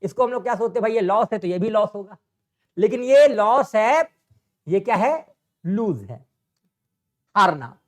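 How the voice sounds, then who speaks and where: A man teaching English grammar in a classroom style, often asking a question and answering it himself. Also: high voice. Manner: repetitive, asks and answers own questions. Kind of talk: classroom explanation.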